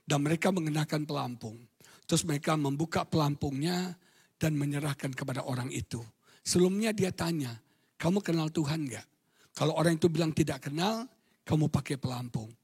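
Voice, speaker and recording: A male pastor preaching a sermon in an animated style, moving from quiet storytelling to shouted emphasis. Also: fairly high pitch, breathy edge, in a large hall.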